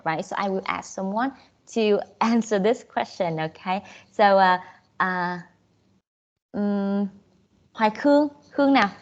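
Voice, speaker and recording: A woman's voice: medium pitch, highs cut off. A woman with a Southern Vietnamese accent teaching an English class online, switching between English and Vietnamese with frequent "okay"s.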